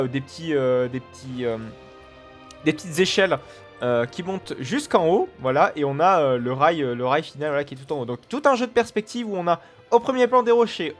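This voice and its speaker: A man hosting a let's play, giving casual, rambling commentary full of fillers and restarts. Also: a little high.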